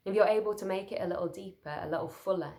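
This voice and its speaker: In a mid-range voice, a woman guides a sleep meditation, speaking soothingly and gently in short, unhurried phrases separated by pauses.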